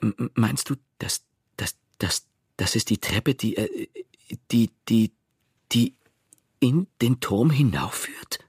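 A man's voice: fairly low pitch, wildly swooping pitch, measured pace, bright, forceful tone, husky, no echo, studio quality, full character voice. A man voicing a nervous young girl who stammers and hesitates.

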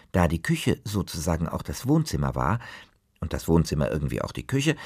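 A man with a low, husky voice reads a children's story aloud, his melody swinging widely to dramatize each moment. He sometimes sinks to a hushed whisper to build suspense. The delivery is theatrical yet intimate.

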